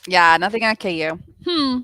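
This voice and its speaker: A woman's voice: mid-range voice, sing-song, normal speed, pushed and bright, dry recording. A young woman hosting a reading session on a video call, chatting casually and laughing often. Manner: chatty, laughs often, trails off mid-sentence. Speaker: host of reading sprints. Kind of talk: casual chat.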